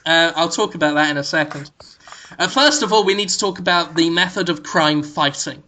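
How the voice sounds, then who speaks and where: Speaking briskly, this comedy podcast co-host lays out a ridiculous proposal with complete deadpan gravity. His tone is bright and forceful, and frequent ums and uhs punctuate the bit as it builds.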